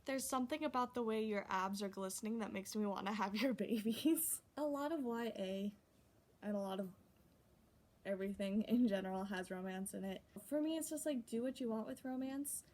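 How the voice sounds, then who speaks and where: A woman's voice: mid-range voice, normal speed, a little mellow. A young adult woman chatting casually and animatedly to camera, recording herself outdoors in the wind. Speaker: vlogger talking about writing. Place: outdoors in the wind, with wind chimes nearby. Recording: windy outdoor noise.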